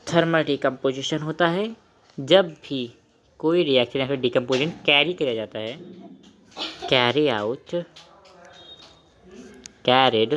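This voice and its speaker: A young man teaches a chemistry lesson, pausing to write and often asking his students questions. He repeats the key terms over a light background hiss. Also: medium pitch, fairly bright tone. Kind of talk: chemistry lesson while writing on a board.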